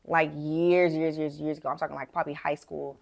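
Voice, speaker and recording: Animated young woman with a low voice. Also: brisk, creaky. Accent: Southern US. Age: young adult. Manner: animated, laughs often. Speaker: podcast co-host. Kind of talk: casual chat.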